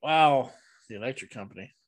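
A man hosting a casual podcast chat, reading corny knock-knock jokes with a deadpan, playful delivery. His voice sits at a middling pitch and sounds dry and close, with no room around it. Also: fairly quick, no echo. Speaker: podcast host.

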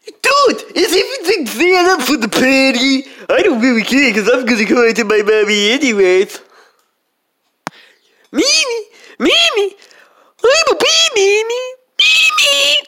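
A bratty eighteen-year-old boy, acted out by a woman in an improvised story. The voice is extremely high and swoops wildly. He sounds babyish, whiny and defiant. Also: very animated, a little slow, sharp tone, exaggerated voice. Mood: cocky, dismissive, then babyish, silly.

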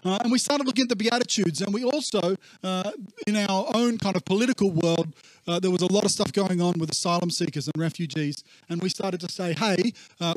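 High-voiced and dryly recorded, a man acting as pastor gives a relaxed, meandering church talk. His speech comes through muffled and warbling, as if submerged, due to a faulty recording.

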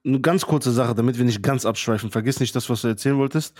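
A man's voice: mid-range voice, fast, a little mellow, no echo, clean studio sound. A man co-hosting a podcast, telling a story earnestly and unhurriedly in casual chat. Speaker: podcast co-host.

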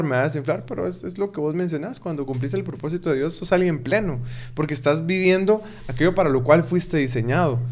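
A man's voice: a little high, a little hiss or hum. A man talking in an earnest, preaching way during a casual faith conversation.

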